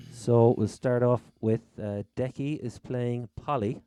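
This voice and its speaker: A man's voice: mid-range voice, takes it slowly, mellow, clean tone, no echo, clean studio sound. A man with a Cork Irish accent hosting a casual chat about sport. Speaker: fantasy football podcast host.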